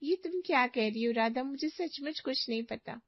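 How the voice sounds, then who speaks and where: A woman's voice: high voice, moderate pace, no echo, dull audio. A woman voicing a polite young neighbor in a cartoon story, innocent and bewildered.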